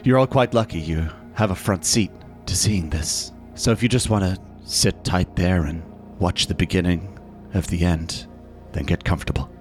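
A man's voice: sits low, moderate pace, few pauses, faint music behind, lightly acted. A man voicing a gaunt, cold, smug male villain in a tabletop game, speaking in a mocking, menacing way. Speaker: villain played by the game master.

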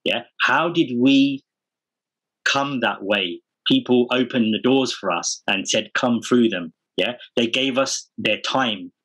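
A man's voice: mid-range voice, takes it slowly, fairly bright tone, slightly rough, rough recording. A man speaking earnestly and informally as a guest in a casual podcast interview. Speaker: podcast guest, parenting community founder.

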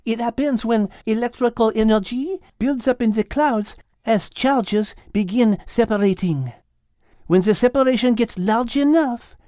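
A woman's voice: fairly high pitch, darkish tone, dry recording, clean studio sound, pitched above the performer's own voice. A woman voicing an encouraging female teacher with a put-on French accent who drops French words into her explanations.

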